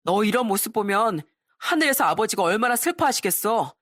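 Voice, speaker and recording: A woman's voice: mid-range voice, expressive, fairly quick, a bit bright, no room sound, studio quality, voice pushed up. A woman voicing a dutiful young man who pleads with and scolds his younger sister in a storybook drama. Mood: scolding. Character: earnest dutiful young man, protective older brother.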